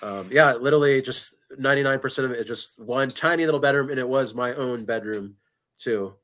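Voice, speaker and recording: A man's voice: medium pitch, brisk, fairly bright tone. A man speaking as a filmmaker guest in a casual interview, enthusiastic but a little hesitant.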